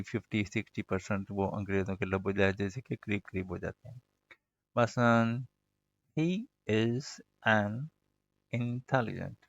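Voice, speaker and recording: A man teaching English pronunciation in a relaxed, conversational way, drawing out example words slowly. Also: fairly low pitch, gravelly, no echo, dull audio. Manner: conversational, slow, repeats example words carefully. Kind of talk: explanatory lesson.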